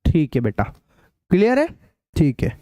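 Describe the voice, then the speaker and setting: A young man with a North Indian accent teaching a live online maths class in a chatty way. He repeats key phrases slowly and calls his students beta and bhaiya. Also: fairly high pitch, wildly swooping pitch, dark tone, no echo, clean studio sound. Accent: Hindi-speaking north India, local card-game terms. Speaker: maths tutor.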